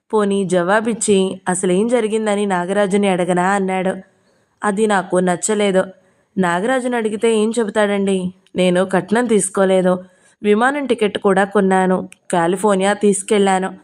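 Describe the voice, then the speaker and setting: A woman's voice: medium pitch, a little mellow, lightly acted. A woman reading the part of an earnest young wife in an audio novel, in her own voice.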